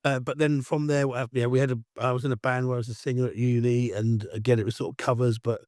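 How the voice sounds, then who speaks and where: Man, middle-aged, Essex accent, croaky hoarse voice, rambling chatty guest, dry close sound. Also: medium pitch, level tone, fast talker, no room sound. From Essex, England. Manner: rambling, chatty, self-styled loudmouth. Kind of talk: casual interview chat.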